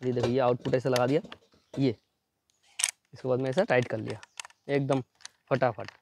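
A man doing a fast, chatty unboxing demo, pointing things out again and again as he shows each part. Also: mid-range voice, little pitch movement, gravelly, a little hiss or hum. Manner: fast, chatty, repeats "ye dekho" constantly. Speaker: product reviewer. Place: at home near a building site.

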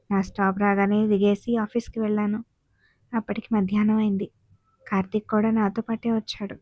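A woman narrating a story in the first person with a calm, even delivery. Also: medium pitch, no room sound, lo-fi sound.

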